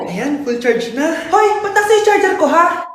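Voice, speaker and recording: A woman performing short comedy skits and playing every role herself, switching between shrill and low character voices. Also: very animated, normal speed. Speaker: comedy skit creator playing every part. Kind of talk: comedic skit acting with many characters.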